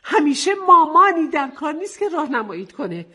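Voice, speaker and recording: A woman's voice: high voice, very animated, pushed and bright, heavily acted. An actress playing a bitter, overbearing middle-aged single mother who scolds her daughter in a radio drama. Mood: scolding.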